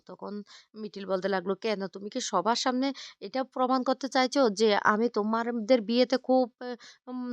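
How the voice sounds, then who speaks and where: Smooth, higher-voiced woman retelling a serial. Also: no echo, highs cut off. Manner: retells scenes, voicing each character's lines in her own voice; hesitant, with frequent fillers and restarts. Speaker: vlogger recapping a TV serial. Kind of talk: casual storytelling recap.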